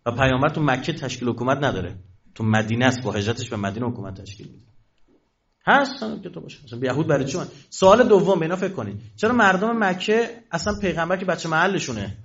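A man giving a religious lecture to an audience, asking questions and answering them himself. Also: high voice. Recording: dull lo-fi recording.

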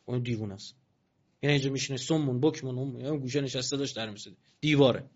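Animated man preaching, lo-fi sound. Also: medium pitch, husky. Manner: colloquial, animated, mocking asides. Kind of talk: religious sermon. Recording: dull lo-fi recording.

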